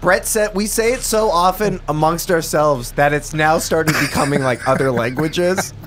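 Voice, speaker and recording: A young man cursing and joking excitedly while commentating a fighting game with a friend. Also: on the high side, normal speed, a little hiss or hum. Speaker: let's play co-host. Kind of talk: casual gameplay commentary.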